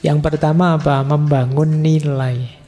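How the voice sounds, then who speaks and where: A middle-aged man, giving a relaxed, conversational philosophy lecture full of everyday examples. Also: fairly high pitch, measured pace. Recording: lecture hall reverb with faint music.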